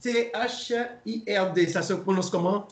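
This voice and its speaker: A man leading an informal Bible study, pausing, repeating words and spelling names out letter by letter. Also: sits high. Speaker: Bible teacher. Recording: roomy echo.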